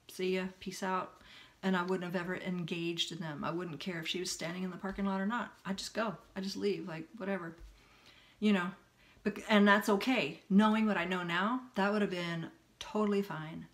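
A middle-aged woman telling a personal story in a candid, animated way, with long run-on sentences. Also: lowish voice. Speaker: spiritual healing vlogger.

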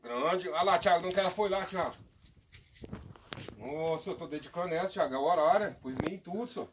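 A man, a fishing companion making quick, offhand remarks outdoors by a pond. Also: a little high. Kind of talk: casual banter while fishing. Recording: distant voice with crowd noise.

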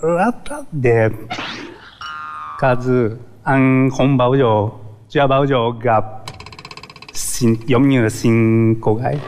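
A man from Japan with a Japanese accent, speaking halting, broken Vietnamese as a dating show contestant, slow and searching for words. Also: mid-range voice, darkish tone, big-room sound, a little hiss or hum.

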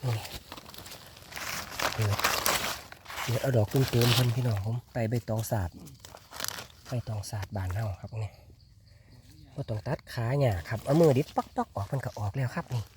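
A man with an Isan Thai accent, narrating a casual foraging vlog in a forest and calling out excitedly to his viewers. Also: medium pitch, moderate pace, long pauses, background noise. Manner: excited exclamations, addressing viewers as brothers and sisters. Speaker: foraging vlogger. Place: forest outdoors.

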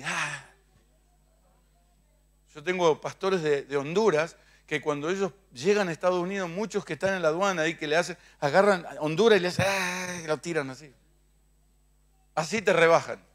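A middle-aged Argentine man preaching a sermon in church, moving between loud declarations and quiet asides, leading his congregation in call-and-response. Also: fairly high pitch. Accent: Argentine Spanish. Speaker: pastor.

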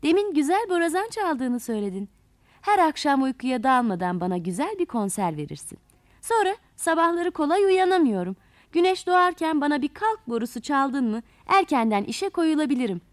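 A woman's voice: sits high, very animated, a little fast, no room sound. A woman voicing a water plant in a storybook tale, scolding at first and later firm but kind. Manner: indignant scolding, then firm and kindly.

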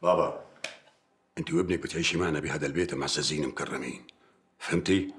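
Brief: a deep-voiced, brisk Syrian father laying down the law. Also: steady tone, slight background noise. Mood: stern. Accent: Syrian Arabic. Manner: authoritative, firm. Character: stern family patriarch, commanding.

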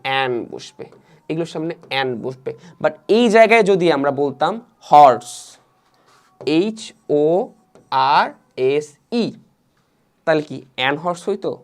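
A man's voice: a little high, lively intonation. A man teaching an English grammar lesson, repeating each rule and asking his students questions he then answers himself. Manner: fast, repetitive, asks the students questions and answers them himself. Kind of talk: online lesson explaining grammar.

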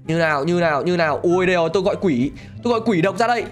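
A man giving excitable gameplay commentary, laughing often and talking straight to his viewers. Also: sits high, racing, faint music behind. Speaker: gaming channel host.

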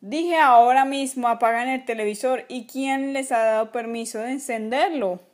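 A woman's voice: on the high side, moderate pace, lightly acted. A woman voicing a strict, bossy toy father who scolds and barks orders in a toy play video. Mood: stern.

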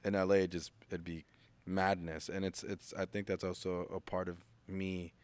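A U.S.-born music producer in his thirties guests on a studio podcast via a studio mic and headphones. His low voice has a flat delivery at a moderate pace, on a dry recording. He chats casually and rambles in a laid-back manner, restarting and acting out quotes.

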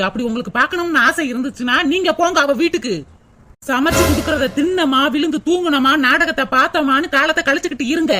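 Woman playing a fast sharp-tongued daughter-in-law. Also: high-pitched. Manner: fast and mocking. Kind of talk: cartoon voice acting.

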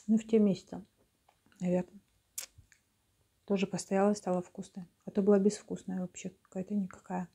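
Hushed, husky woman with dark, soft tone. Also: medium pitch, little pitch movement, normal speed, long pauses. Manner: hushed, soft-spoken, half-whispering. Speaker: mukbang host. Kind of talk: ASMR casual chat while eating. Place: small indoor room.

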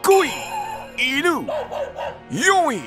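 A man voicing a loud, shameless, excitable cartoon boss and announcer in a bombastic manner. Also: extremely high pitch, drawn-out words, over music, heavily acted. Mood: showy announcing. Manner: bombastic announcing and frantic pleading. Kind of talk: animated comedy acting.

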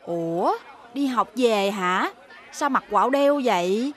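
An actress playing a sharp-tongued, middle-aged Southern Vietnamese woman who scolds her servant and dotes on her son, with a Southern Vietnamese accent. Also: animated, takes it slowly. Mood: doting. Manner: shrill scolding and nagging. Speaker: domineering mother and market boss.

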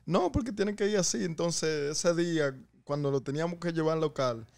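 A man on a podcast slowly recounting how things went, in a relaxed way. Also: on the high side, vocal fry. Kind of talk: casual podcast chat.

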